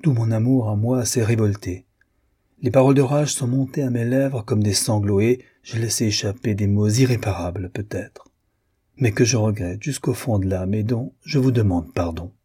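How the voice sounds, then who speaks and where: A grave husband confessing his failings in a firm, cold, grieving tone, read by a man. The voice is low and mellow with a husky edge. It comes from a spoken audiobook. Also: normal speed. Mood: grave remorse. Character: stern, remorseful husband, grave and proud. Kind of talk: audiobook reading.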